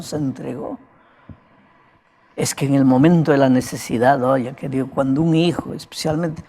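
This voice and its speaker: A man's voice: mid-range voice, a little mellow, husky. A man delivers a sermon as an evangelist, his voice cracked and broken. He preaches in a conversational way and keeps checking in with his listeners. He is prone to coughing. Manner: conversational preaching, often asking "right?" of listeners.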